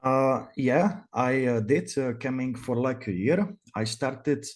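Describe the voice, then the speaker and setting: A man in his twenties from the Czech Republic with a Czech accent, giving casual interview answers in a halting, hesitant way. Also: medium pitch. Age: 20s. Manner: hesitant, halting delivery full of pauses. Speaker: interview guest, virtual cam studio owner.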